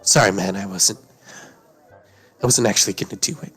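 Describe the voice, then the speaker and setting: A man's voice: fairly low pitch, normal speed, a bit bright, husky, soft background music. A man voicing a jumpy, defensive young actor who speaks in casual, hesitant bursts.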